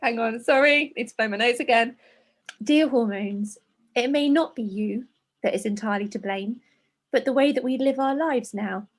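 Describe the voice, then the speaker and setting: A woman co-hosting a podcast, her voice slightly husky and pitched a little high. She talks casually and reads a listener's heartfelt letter aloud over a video call, laughing through tears as she goes. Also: normal speed. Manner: emotional, laughing through tears while reading. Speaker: podcast co-host.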